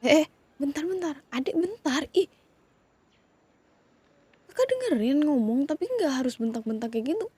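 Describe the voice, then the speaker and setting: A woman in a whispered role-play, calmly scolding and soothing two siblings who have been fighting. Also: high voice, normal speed, long pauses, dry recording. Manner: scolding yet soothing, questioning. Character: woman calming partner and his younger sibling fighting. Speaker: ASMR roleplay creator.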